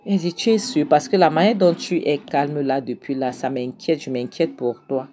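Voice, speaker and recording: A woman's voice: low voice, steady tone, normal speed, dark tone, a little hiss or hum, natural voice. A woman voicing a caring daughter who pleads with her father in concerned questions.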